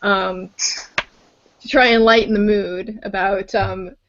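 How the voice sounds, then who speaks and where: A woman narrating as game master in a tabletop game, halting with many ums and frequent laughs. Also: mid-range voice, steady tone, a bit bright, muffled recording, a little hiss or hum.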